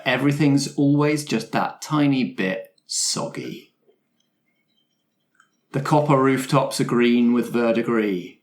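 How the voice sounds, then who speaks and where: A man with a mid-range voice hosts and game-masters a tabletop roleplay show, moving between announcements, narration and chat.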